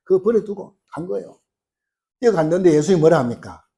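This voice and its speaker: A male pastor delivers a sermon in a mellow, dark-toned voice set slightly high. He retells scripture as a story, pausing on "uh" fillers and restarts. His delivery surges louder and higher as he builds toward his points. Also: expressive. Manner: storytelling, acting out quoted cries with rising force. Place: church sanctuary.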